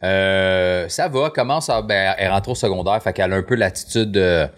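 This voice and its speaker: A man's voice: deep voice, normal speed. A man in his thirties with a Quebec French accent, a podcast guest talking casually, laid-back and swearing often. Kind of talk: casual chat.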